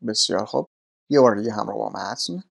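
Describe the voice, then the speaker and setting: Man teaching grammar, patient and polite, with a gravelly edge. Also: fairly low pitch. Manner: patient, polite, clearly explaining. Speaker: English teacher. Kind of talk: explaining grammar lesson in Persian.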